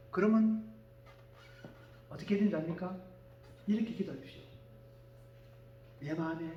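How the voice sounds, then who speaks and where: A male pastor preaching a sermon, swinging from quiet asides to shouted declarations and calling for amens from the congregation. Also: high voice, echoey room, muffled recording. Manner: calls for amen from the congregation.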